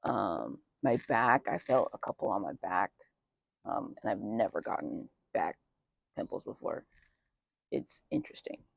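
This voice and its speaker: A young male vlogger chats casually outdoors in a light breeze, giving a life update full of fillers and wry asides. His gravelly voice is just starting to deepen early on testosterone, and he sounds animated though a little slow, with no echo.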